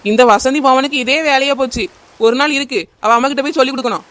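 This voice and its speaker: A woman's voice: sits high, quick pace, fairly bright tone. A woman voicing a bossy, grumbling neighbour aunt in a cartoon, with a Kanyakumari Tamil accent. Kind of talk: cartoon voice acting.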